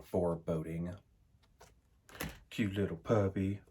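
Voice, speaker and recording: Rambling guy, lowish voice. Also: steady tone, slow, warm tone, slightly rough. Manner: rambling, filler-heavy, with frequent "like" and "um". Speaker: vlogger reviewing an oracle deck. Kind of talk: casual chat.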